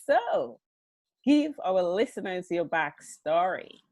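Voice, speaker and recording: A woman's voice: lowish voice, sing-song, slow, a little mellow, no echo. Upbeat woman hosting a podcast, dry sound. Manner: enthusiastic and upbeat. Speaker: podcast host. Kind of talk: interview hosting with guest introduction.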